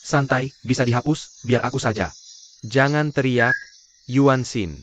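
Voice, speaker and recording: A rich director and flustered father fusses and soothes, as an actor dubs him. His pitch is middling. Clear background noise runs under the dubbed drama. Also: unhurried, natural voice. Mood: soothing. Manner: fretful, soothing. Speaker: dub actor. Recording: noisy background.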